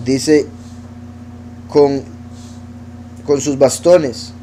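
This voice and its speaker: A man teaching a Bible study, reading verses aloud and slowly spelling out Hebrew words as he explains them. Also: medium pitch, steady tone, warm tone, slight background noise. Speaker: teacher of scripture.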